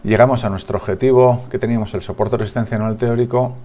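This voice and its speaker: A man's voice: mid-range voice, steady tone, fast talker, dark tone. A man with a Spanish accent from Spain, giving a market analysis over charts as a trading analyst, thinking aloud with frequent restarts and tag questions.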